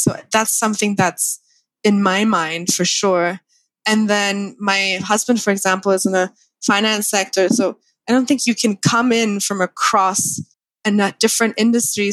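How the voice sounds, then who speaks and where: A woman in her thirties from Thailand talks as an interview guest. She is thoughtful and measured and pauses to rephrase. Her voice sits at a middle pitch, and the sound is dry and close. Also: a bit bright, no echo. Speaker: guest, family business heir. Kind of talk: conversational interview.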